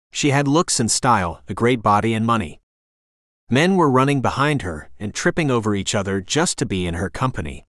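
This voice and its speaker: A man's voice: medium pitch, fairly bright tone, dry recording. Man narrating an audiobook, dry sound. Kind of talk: scripted narration.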